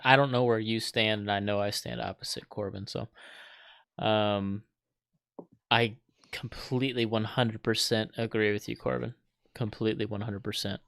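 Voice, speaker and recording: A man's voice: lowish voice, vocal fry, fairly bright tone, dry recording, studio quality. A man co-hosting a casual podcast debate, earnest and emphatic, repeating his points. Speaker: podcast co-host.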